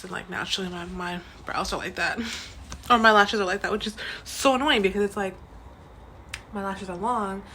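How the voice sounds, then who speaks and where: Young woman with a raspy morning voice. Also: mid-range voice, a bit bright, a little hiss or hum, low-quality recording. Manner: rambling, many fillers and restarts. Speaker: vlogger. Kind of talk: casual vlog chat. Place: at home, indoors.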